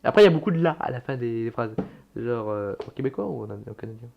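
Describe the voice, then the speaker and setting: A man's voice: mid-range voice, lively intonation, fast talker, creaky, highs cut off, slight background noise. A man giving casual reaction commentary on his old videos, chatty with self-mocking asides.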